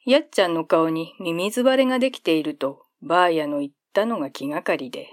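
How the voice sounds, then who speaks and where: A woman narrating a classic short story in a calm storytelling manner. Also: on the low side, no room sound, clean studio sound.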